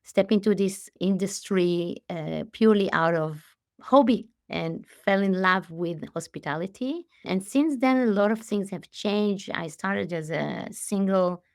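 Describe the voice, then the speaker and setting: Israeli-born woman in her late forties, halting speech. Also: medium pitch, no room sound, clean studio sound. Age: 40s. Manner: warm, halting, many fillers and restarts. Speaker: CEO and guest. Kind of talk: conversational interview.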